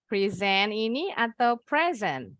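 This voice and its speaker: Patient Indonesian woman teacher, animated delivery, slow measured pace. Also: medium pitch, dry recording, studio quality. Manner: patient, explains slowly, praises students. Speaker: English teacher. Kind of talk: online class teaching.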